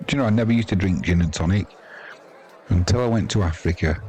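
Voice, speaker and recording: Against crowd noise, an older British man in his 50s or older calls cricket ball by ball, chatting and rambling colloquially in a casual way. As a sports commentator, he has a low-pitched, slightly mellow voice and talks at a quick pace.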